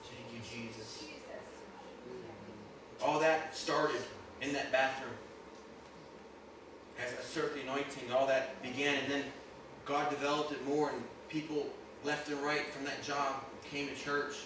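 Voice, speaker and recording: A man's voice: medium pitch, flat delivery, a little slow, long pauses. A man, a guest minister, telling a personal testimony in a sermon and building up to emphatic preaching. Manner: storytelling, rising to emphatic preaching. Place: church sanctuary. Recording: echoey hall, distant mic, noisy.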